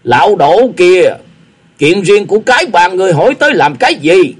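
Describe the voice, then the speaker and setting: A man playing a raging old elder of a beggar sect in a read-aloud martial-arts tale. He shouts threats in a husky voice, and his pitch jumps around in a lively way. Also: measured pace, exaggerated voice. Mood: furious.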